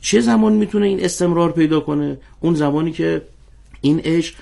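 A man speaking as a panel guest, explaining in a formal, measured register. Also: fairly high pitch, vocal fry, warm tone.

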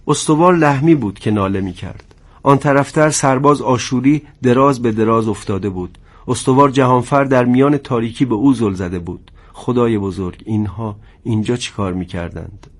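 Man, storyteller, dramatic narration, measured, tense, medium pitch.

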